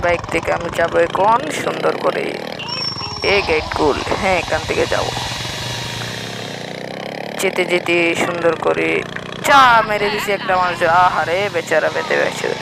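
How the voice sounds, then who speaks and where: A woman presents a gameplay video with casual commentary, narrating each of her actions in short, repetitive phrases. Her lowish, gravelly voice stays fairly even at normal speed with long pauses. The recording is noisy, with vehicle and siren sounds.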